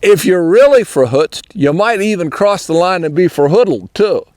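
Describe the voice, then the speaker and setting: A man's voice: high-pitched, expressive, moderate pace, darkish tone, no echo. An older man giving a folksy, rambling horse-training talk in an easygoing, storytelling way.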